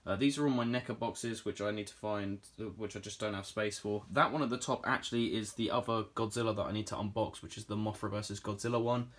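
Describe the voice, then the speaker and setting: A man's voice: on the low side, fairly even intonation, fast, few pauses, a bit bright. A British man in his twenties giving an off-the-cuff room tour in casual, enthusiastic, informal vlog chat. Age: 20s. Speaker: collector hosting a room tour.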